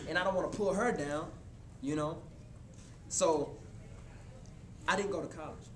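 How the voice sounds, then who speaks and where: A man in his twenties giving a motivational talk to a live college audience, casual and animated, speaking straight to the crowd. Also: fairly high pitch, unhurried. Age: 20s. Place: college hall before an audience. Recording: echoey hall with room noise.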